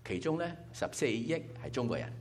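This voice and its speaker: A man's voice: mid-range voice, very animated, brisk, a little hiss or hum. A man preaching a sermon to a church gathering, explaining his points step by step with worked-out numbers.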